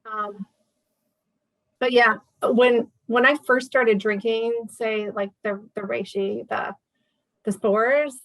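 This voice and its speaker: A woman's voice: fairly high pitch, fairly even intonation, slow pace, fairly bright tone, dry recording, rough recording. A woman in her fifties, a guest chatting casually in an interview, talking with many fillers and restarts. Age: 50s.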